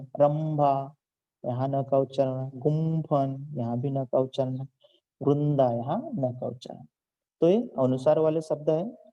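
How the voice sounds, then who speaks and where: Dark-voiced man teaching children. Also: mid-range voice, lo-fi sound. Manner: slow, repeats words and explains each sound. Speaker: school teacher. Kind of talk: online Hindi lesson for children.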